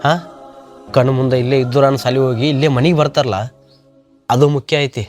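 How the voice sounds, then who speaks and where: A man's voice: medium pitch, steady tone, a little fast, a little mellow, soft background music, lightly acted. A middle-aged man playing an earnest, scolding village father with a North Karnataka Kannada accent, protective of his daughter. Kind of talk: village short film acting.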